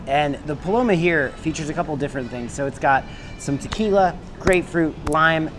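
A man's voice: fairly high pitch, brisk. A man in his thirties hosting a casual food vlog, chatty and enthusiastic as he describes dishes and restaurants. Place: restaurant patios and city streets. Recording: music playing behind.

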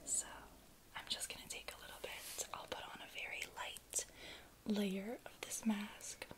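A woman's voice: medium pitch, level tone, unhurried. Whispering young woman doing ASMR. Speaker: ASMR host giving a massage. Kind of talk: soft-spoken whispered ASMR. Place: small bedroom, indoors.

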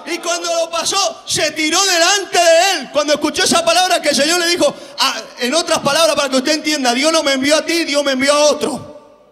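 A man preaching a fiery sermon, shouting often and saying hallelujah constantly. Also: extremely high pitch, fairly even intonation, fairly quick, big-room sound. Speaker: evangelist preacher.

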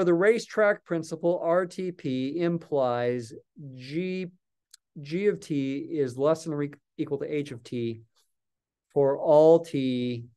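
A man's voice: fairly high pitch, a little mellow, clear, resonant tone. An older man giving a recorded calculus lecture, talking patiently and thinking aloud as he writes at a desk in a small office. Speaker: math lecturer.

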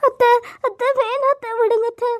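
A woman's voice: very high voice, brisk, mellow, no echo. A woman voicing a frightened young pregnant wife who begs her in-laws in a cartoon. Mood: pleading. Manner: pleading, tearful.

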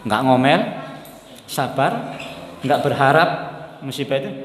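A man's voice: medium pitch, lively intonation, measured pace. A man preaching a sermon, conversational and repeating his points. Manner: conversational, repeats points, mixes in Javanese words. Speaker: Islamic preacher. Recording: echoey hall, faint ambience.

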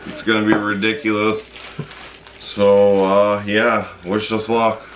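A man's voice: fairly low pitch, completely flat delivery, slow pace, noisy background. A man co-hosting a casual food-challenge vlog, drawling his reactions between exclamations. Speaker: co-host; father.

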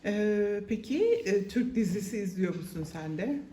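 A woman's voice: mid-range voice, lively intonation, normal speed, dark tone. A woman interviewer asking short, casual questions in a conversational way. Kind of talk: casual street-style interview. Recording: roomy echo, faint background noise.

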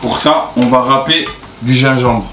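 A man's voice: mid-range voice, measured pace, noisy background. A man in his twenties chatting casually and giving cooking instructions to camera as co-host of a home video. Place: small tiled home kitchen, indoors. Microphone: camera at about arm's length or further. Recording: echoey kitchen, music and frying behind.

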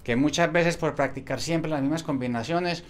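A man's voice: fairly high pitch, moderate pace. A man teaching guitar technique, explaining each step patiently and often checking in with "ok?". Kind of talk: instructional explanation. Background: loud guitar playing.

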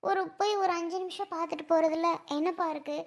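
Woman acting as a teary young mom begging her dad, super high voice. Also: fairly even intonation, fast talker. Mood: pleading. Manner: pleading, tearful. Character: young mother pleading with her father. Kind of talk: family drama skit.

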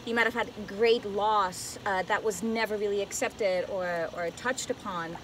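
A woman guest actress in a casual chat, playful and quick to laugh. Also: mid-range voice, steady tone, slight background noise. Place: hot tub.

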